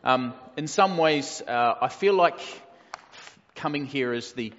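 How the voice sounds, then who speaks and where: In a dull, lo-fi recording with hall echo, a New Zealand-accented pastor in his forties offers a casual church welcome, easygoing and joking with many fillers. His mid-range voice is fairly bright with lively intonation, and he talks a little slowly.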